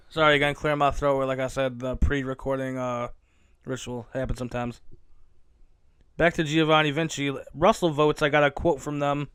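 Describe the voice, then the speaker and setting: A man's voice: mid-range voice, fairly even intonation, normal speed, a bit bright, clean tone, dry recording, clean studio sound. A man hosting a casual solo commentary podcast, rambling, cursing and correcting himself as he goes. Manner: rambling, self-correcting and profane. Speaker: podcast host.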